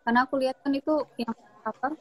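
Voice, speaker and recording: A woman's voice: high voice, steady tone, fast. A woman speaking as an artist guest in a casual conversation over a video call, hesitant and searching for words while her audio keeps breaking up. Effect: choppy, breaking-up video call audio.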